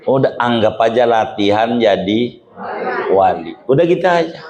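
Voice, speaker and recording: A man's voice: mid-range voice, animated, normal speed, a crowd in the background. A man giving a joking, colloquial Islamic study sermon to a gathering. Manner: joking, colloquial Jakarta slang. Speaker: religious teacher.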